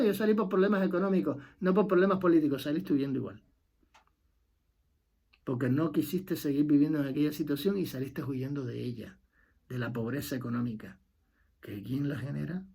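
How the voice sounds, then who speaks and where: Emphatic Cuban man with a mellow voice. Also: fairly high pitch. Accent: Cuban Spanish. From Cuba. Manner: emphatic, repeats key phrases, trails off at sentence ends. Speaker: political commentator. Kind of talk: impassioned opinion monologue.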